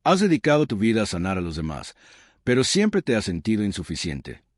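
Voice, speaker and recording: A man voicing a radiant, kind divine male being who speaks in a gentle, solemn, measured way. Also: fairly low pitch, huge pitch swings, no room sound, clean studio sound.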